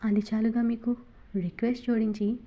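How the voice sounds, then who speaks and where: A cautious police superintendent who answers formally and tries to placate, as a woman narrator reads his lines. The voice is fairly high and very dark and mellow. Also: flat delivery, moderate pace.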